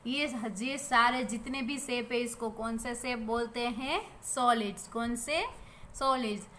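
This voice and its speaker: A woman teaching young children, speaking with an Indian English accent in a slightly high voice. She talks very slowly and patiently, spelling each word out letter by letter and asking the class questions. A faint background hiss runs under the recording. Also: fairly even intonation, fairly bright tone. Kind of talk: online primary school lesson.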